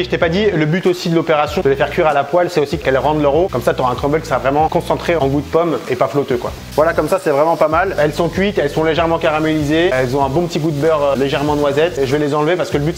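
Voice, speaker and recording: A man's voice: a little high, very fast, hardly any pauses. A man hosting a casual cooking tutorial in a home kitchen, playful, jokey and chatty. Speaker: cooking vlogger.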